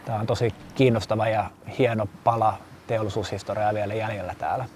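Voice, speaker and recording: Chill lower-voiced guy talking outside, faint background noise. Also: steady tone, darkish tone. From southeastern Finland. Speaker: photographer. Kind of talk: casual reflective talk. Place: outdoors.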